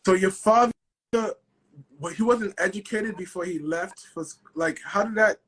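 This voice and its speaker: A man's voice: high voice, unhurried, a bit bright, breathy edge. A man hosting a casual interview, eager and enthusiastic, full of "like" and "you know". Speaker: host, life coach.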